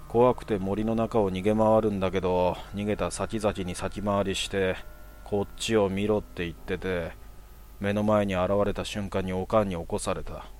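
Low-voiced man telling a horror story. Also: little pitch movement, moderate pace, slight background noise. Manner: hushed, casual storytelling.

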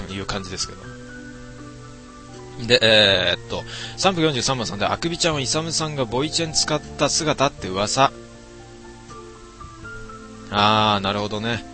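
A man's voice: on the low side, animated, normal speed, pauses often, pushed and bright, faint music behind. A man casually reading viewer comments aloud and joking at his own expense. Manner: self-mocking, muttering asides. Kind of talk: casual chat.

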